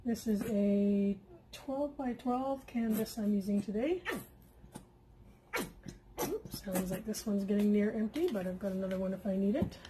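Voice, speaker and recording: This Canadian acrylic pouring channel host talks unhurriedly in a mid-range voice, chatty and relaxed with fillers and asides, as she paints at her home craft table. She feels she's losing her voice; the low-quality recording carries slight background noise.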